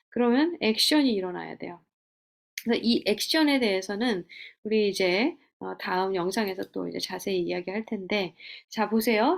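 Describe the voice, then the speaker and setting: Gravelly-voiced woman teaching gently. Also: on the high side. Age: middle-aged. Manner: gentle, coaching, asks rhetorical questions. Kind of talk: teaching lecture on communication.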